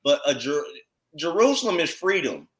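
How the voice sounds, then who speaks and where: Very animated and moderately paced, this American congregation teacher has a fairly high, fairly bright voice as he comments on read text. His informal religious teaching is emphatic and repetitive, often punctuated by rhetorical tag questions.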